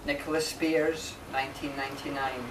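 This poet, a man in his thirties, delivers a slow, measured live recital of his own writing inside a marquee, with pauses between short phrases. His pitch is medium and barely moves. Recorded on a camera mic a few metres off, the sound is distant, echoey and noisy.

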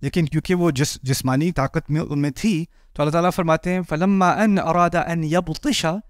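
A preacher in his forties delivers a lively sermon at normal speed on an indoor stage before a patterned backdrop, pacing and gesturing widely. Through a headset mic he acts out the people in his story, his voice rising high for a shout. The recording is dry and clean, like a studio.

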